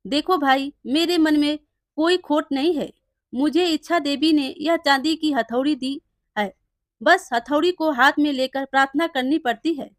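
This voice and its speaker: Brief: good-hearted village blacksmith man, read by a woman narrator, high, dry voice. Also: unhurried, dry recording. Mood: friendly. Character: honest kindly male village blacksmith.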